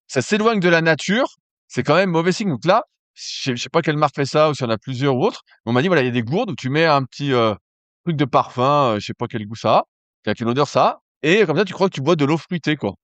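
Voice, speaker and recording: Fast-talking man co-hosting a podcast. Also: on the high side, no room sound. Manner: animated, stumbling restarts. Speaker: podcast co-host, coach. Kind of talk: casual chat.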